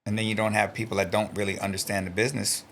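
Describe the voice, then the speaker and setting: A middle-aged man with a low voice and a gravelly, fry-laden edge talks bluntly and earnestly in an interview. He sounds emotional and close to tears, and he swears freely as he reflects on reading his old journal aloud. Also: little pitch movement, rapid-fire, a bit bright, slight background noise. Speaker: interview guest, stunt performer.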